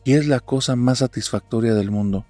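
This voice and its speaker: A man narrating a spoken horror story in a dramatic manner, dropping to a hush at tense moments. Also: mid-range voice, fairly quick, no room sound. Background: faint music.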